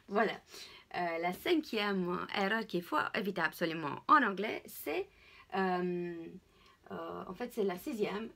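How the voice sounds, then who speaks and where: A woman, teaching English pronunciation in a casual, hesitant way and repeating words slowly. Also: medium pitch, a bit bright. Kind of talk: casual spoken lesson.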